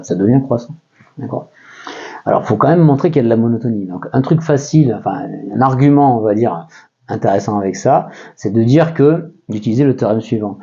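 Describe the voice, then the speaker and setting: A man's voice: medium pitch, mellow, muffled recording. A man with a French accent teaching a math lesson in a casual way, thinking aloud with many fillers and often checking that his listeners follow.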